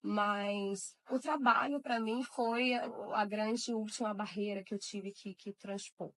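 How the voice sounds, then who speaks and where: A woman's voice: medium pitch, steady tone, a little slow, low-quality recording. A woman speaking in a documentary interview, reflective and searching for her words.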